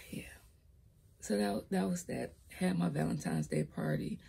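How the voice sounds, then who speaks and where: At a measured pace, a young woman recounts her own life in a casual vlog using her laptop's built-in microphone. Her low, raspy voice is hesitant and stumbling, with soft whispered asides, and it cracks when she raises it.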